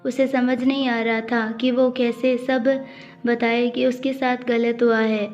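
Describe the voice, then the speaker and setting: A woman narrating an audiobook story in a steady, even reading. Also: fairly high pitch. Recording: dull audio with faint music.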